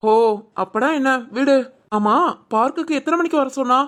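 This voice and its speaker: A voice actor playing a calm, protective older brother in an animated family drama, with a Tirunelveli Tamil accent. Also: high-pitched, moderate pace.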